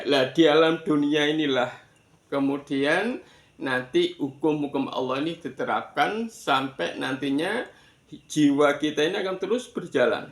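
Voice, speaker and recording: A man delivers a sermon-like lesson in a fairly high, gravelly voice. He goes slowly and deliberately, breaking sentences into short phrases and repeating words to stress them. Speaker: Islamic religious teacher. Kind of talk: sermon-like explanatory religious lesson. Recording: echoey room.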